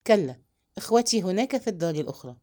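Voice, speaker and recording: A woman reading as a proud young woman, soft. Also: lowish voice, lively intonation, fairly quick, natural voice. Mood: intimate. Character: proud young woman, bold yet tender.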